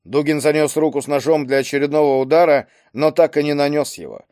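A man narrating an audiobook in a measured, even manner. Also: fairly high pitch, no room sound, studio quality.

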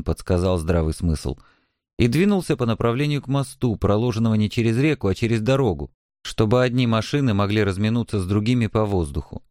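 Brief: measured male audiobook narrator, low-pitched, dry close read. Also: darkish tone, no room sound.

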